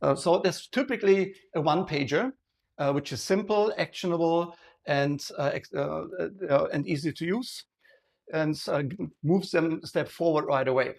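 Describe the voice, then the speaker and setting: A man's voice: a little high, creaky. German-accented man leading a live workshop. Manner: engaging, asks the audience frequent questions; halting, many restarts and fillers. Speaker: workshop presenter.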